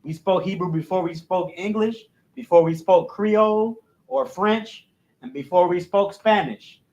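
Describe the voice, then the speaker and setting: A man instructs a recorded language class in a casual, repetitive way, often dropping his voice to add "you know what I'm saying." He recites letters loudly, rising in pitch. His pace is measured and the sound lo-fi.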